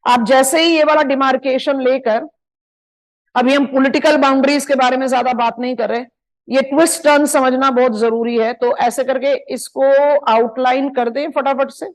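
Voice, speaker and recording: A woman with an Indian accent teaching a live online geography map lesson, switching between Hindi and English and drawing on a map as she explains, drawing out key place names slowly. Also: high-pitched, fairly even intonation, low-quality recording.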